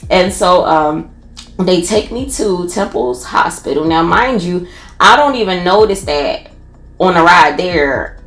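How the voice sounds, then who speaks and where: Animated woman telling a story, echoey room. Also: lowish voice, slow. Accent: Philadelphia. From Philadelphia. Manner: animated retelling with many restarts and laughs. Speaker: podcast host telling a personal story. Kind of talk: casual story time.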